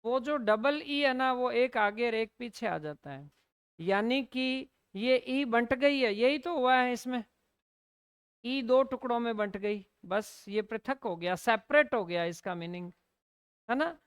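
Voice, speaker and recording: Slow-spelling Hindi-woman teacher. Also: fairly high pitch, clean tone, no room sound, clean studio sound. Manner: explains in Hindi mixed with English, slowly spells out words, asks "है ना?" often. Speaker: English teacher. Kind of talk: classroom lecture.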